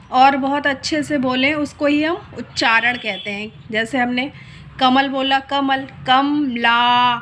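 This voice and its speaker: A woman teaching a grammar lesson, speaking slowly and repeating key words, stretching sounds to demonstrate them. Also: high-pitched, fairly bright tone, slight background noise. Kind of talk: slow explanatory lesson.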